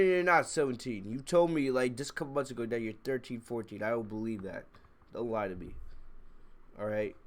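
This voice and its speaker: A congested man with a mid-range voice, sick with a cold, hosts a wrestling review livestream and chats casually with viewers. His commentary is opinionated, blunt, emphatic, and mildly profane.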